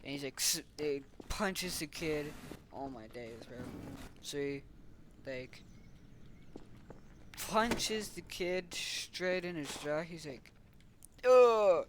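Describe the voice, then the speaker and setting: Slow, slangy male storyteller, higher voice, noisy clicky track. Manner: rambling, slangy, many fillers. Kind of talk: casual storytelling.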